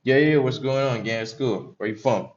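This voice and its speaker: Speaking at medium pitch and normal speed, a young man from Haiti gives casual live-stream commentary on his trades, chatting with viewers in a loose, profane way. The sound is lo-fi.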